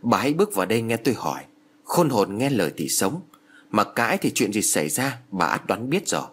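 A man's voice: lowish voice, big pitch swings, a little fast, a bit bright, slightly rough, exaggerated voice. A man voicing a menacing young woman, who speaks in a harsh, commanding, snarling way. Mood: threatening.

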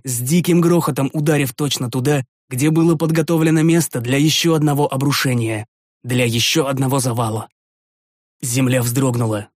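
A man's voice: medium pitch, darkish tone, no echo. A man narrating a fantasy audiobook in the first person, tense and dramatic, recorded on a studio microphone.

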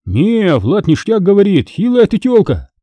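A sluggish, careless young man, voiced by a male reader in an audiobook thriller. He stretches his words out in a slow, dismissive drawl at a raised pitch. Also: wildly swooping pitch, warm tone, no echo, full character voice.

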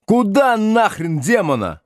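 A man voicing a loud, hot-tempered teenage boy who yells and squeals insults in an audiobook. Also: high-pitched, big pitch swings, normal speed, no echo, clean studio sound, pitched above the performer's own voice. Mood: yelling.

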